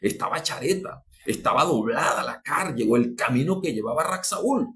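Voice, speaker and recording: A man's voice: animated, moderate pace. Guy preaching a sermon, really fervent, voice jumps up then drops, keeps restarting lines. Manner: fervent, with sudden rises in pitch and loudness; repeats and restarts phrases, addresses the listener as beloved. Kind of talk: podcast sermon.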